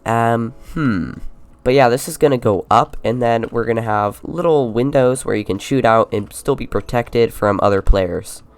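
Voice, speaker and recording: A young man with a congested voice from a mild fever talks through his building project in a loose, rambling way, full of little fillers. His tone is smooth and clean at an ordinary pitch, and he sounds relaxed and easygoing. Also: moderate pace, no echo. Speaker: Minecraft YouTuber. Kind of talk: casual gameplay commentary.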